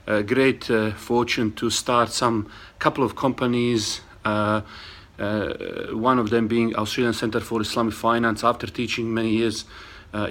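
A man from Bosnia with a Bosnian accent hosts an informal video introduction, speaking earnestly and haltingly with frequent hesitations. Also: fairly low pitch, fairly bright tone. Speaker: host and entrepreneur. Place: small studio set up in a garage.

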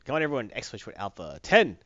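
A man co-hosting a game stream show, chatting casually and reading out shout-outs with jokey energy. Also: mid-range voice, wildly swooping pitch, rapid-fire, no echo. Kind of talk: casual livestream chat and giveaway. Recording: dull lo-fi dry stream audio.

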